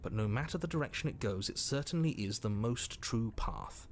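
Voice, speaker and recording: An actor playing a dry, measured narrator in a horror video game, telling the story in a slightly teasing tone. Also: male voice, mid-range voice, animated, a little hiss or hum, natural voice. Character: calm, wry male storyteller narrator.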